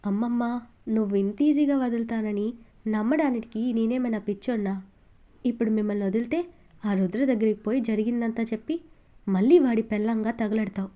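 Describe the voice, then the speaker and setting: A woman's voice: on the high side, brisk, warm tone, natural voice. A woman reading aloud, voicing a treacherous young man who mocks and gloats. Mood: mocking. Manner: mocking, smug.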